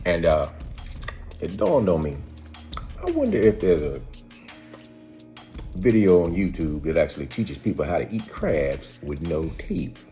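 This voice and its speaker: A man's voice: low-pitched, big pitch swings, measured pace, long pauses, dark tone, faint music behind. An American man hosting a casual how-to vlog, chatting in a folksy, colloquial way. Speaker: video host.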